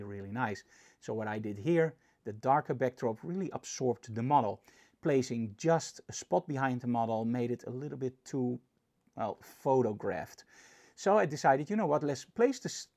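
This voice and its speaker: A male photography instructor with a Dutch accent talks through a tutorial. He explains with enthusiasm, his voice rising and dropping as he makes each point. The pitch sits in a middle range. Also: a little mellow. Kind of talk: presentation tutorial.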